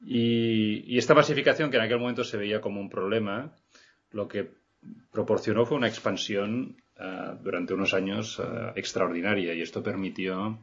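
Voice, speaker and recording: On a slightly muffled podcast recording, a middle-aged Barcelona man, a guest architect, gives reflective interview answers, measured and hesitant with frequent restarts. His voice is fairly low-pitched and husky, and his tone stays steady.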